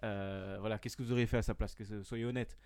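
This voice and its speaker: A man's voice: fairly low pitch, fairly even intonation, fast talker, darkish tone, clear, resonant tone. A young man, a podcast guest, telling a self-mocking story in casual chat, full of hesitations and fillers.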